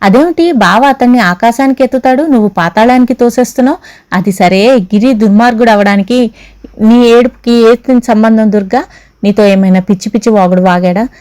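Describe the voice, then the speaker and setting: A woman's voice: on the high side, fairly quick, a little mellow, no room sound, voice pushed up, lightly acted. A woman voicing an insistent young woman friend. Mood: urging.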